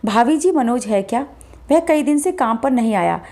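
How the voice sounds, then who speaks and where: A woman's voice: fairly high pitch, lively intonation, moderate pace, mellow. Woman doing a polite young coworker. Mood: concerned. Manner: polite, respectful.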